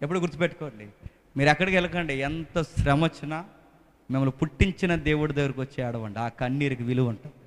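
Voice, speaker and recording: A man preaching as a pastor in a fervent sermon, swinging between loud exhortation and hushed pleading into a microphone. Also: fairly high pitch, rapid-fire, long reverb tail.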